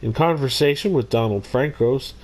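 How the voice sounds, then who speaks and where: A man's voice: medium pitch, moderate pace, a little mellow. A man hosting his own video, casually narrating a criminal history and breaking off into rambling jokey asides. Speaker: YouTube host. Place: Missouri.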